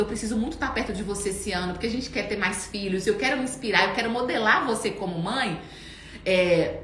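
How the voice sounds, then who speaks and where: Animated woman host in her thirties, fast and lively, echoey room. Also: fairly high pitch. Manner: animated storytelling. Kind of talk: casual chat. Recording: echoey room, faint background noise.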